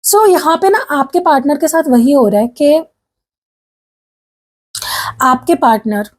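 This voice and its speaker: A woman's voice: high voice, lively intonation, unhurried. A woman giving a casual tarot reading to her viewers, chatting in a friendly way, slipping in English phrases and complaining of a sore throat. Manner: chatty, addresses viewers as "guys", frequent "theek hai?"; mixes English phrases into Hindi speech. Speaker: tarot reader.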